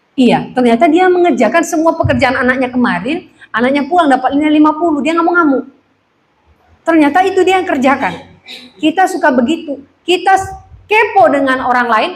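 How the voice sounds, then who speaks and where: A woman pastor preaching a sermon, telling lively stories and acting out gossiping neighbours. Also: sits high, rough recording.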